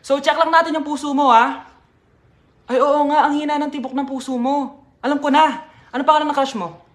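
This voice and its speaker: High-voiced woman doing comic skits. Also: steady tone, a little fast. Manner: switches between shouted scolding and soft childish voices. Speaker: comedy sketch creator. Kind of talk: comedic skits voicing every character.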